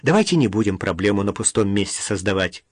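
A man's voice: on the low side, lively intonation, fast, no room sound, studio quality, pitched below the performer's own voice. A man voicing a caring young woman who is worried and insistent, in an audiobook reading. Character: caring young woman, anxious then bossy.

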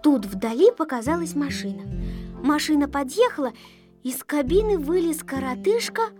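A woman narrating a children's storybook in an expressive, engaging way. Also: sits high, moderate pace, over music. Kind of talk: storybook reading.

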